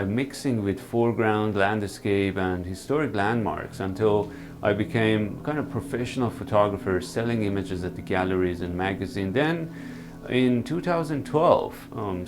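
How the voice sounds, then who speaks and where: Against a noisy background, a night sky photographer from Iran gives a documentary interview monologue. In his 40s, he has a low voice and speaks earnestly and calmly, reflecting with small hesitations.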